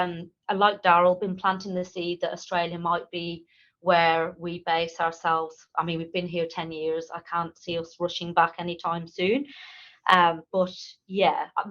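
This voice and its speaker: A woman's voice: fairly low pitch, a bit bright, lo-fi sound. Upbeat woman in her thirties. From Ireland. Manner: enthusiastic, lots of ums. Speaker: nurse guest. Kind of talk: casual interview.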